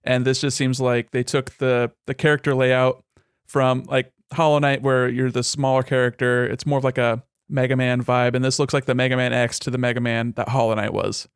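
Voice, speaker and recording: A man co-hosting a casual gaming podcast, eager and quick as he runs through his picks. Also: medium pitch, level tone, clean tone, no echo, studio quality. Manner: eager, quick, running commentary. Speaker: podcast co-host.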